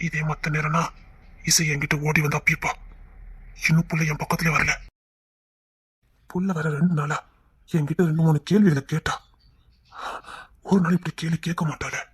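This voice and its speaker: A man voicing Kingston, a husky tender husband. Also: on the high side, flat delivery, normal speed, pauses often. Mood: evasive. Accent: Kanyakumari Tamil. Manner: soft, tender, often hushed. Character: gentle young husband and father, Kingston. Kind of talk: cartoon web series voice acting.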